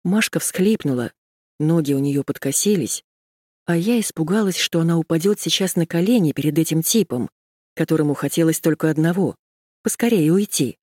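A woman reading a first-person novel aloud in a measured, tense storytelling manner. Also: sits low, expressive, darkish tone, no echo, studio quality. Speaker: audiobook narrator. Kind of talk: first-person audiobook narration.

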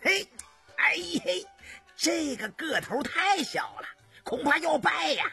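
A male audiobook reader voicing an idle, excitable crown prince who exclaims loudly in a very high voice. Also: takes it slowly, vocal fry, faint music behind, heavily acted. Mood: excited. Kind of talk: audiobook character voice.

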